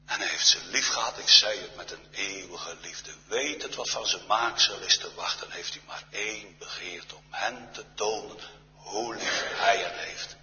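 Man, preacher, very low voice, sharp forceful tone, solemn sermon, hushed at times, long church reverb, dull muffled recording. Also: unhurried, slight background noise. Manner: solemn, often drops to a near-whisper.

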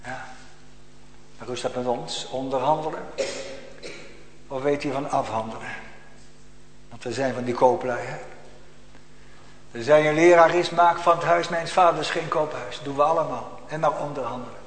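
A man preaching a sermon, swinging between loud emphatic calls and quiet, almost whispered asides. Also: medium pitch, moderate pace, pauses often, slight background noise. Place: church. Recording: echoey church hall.

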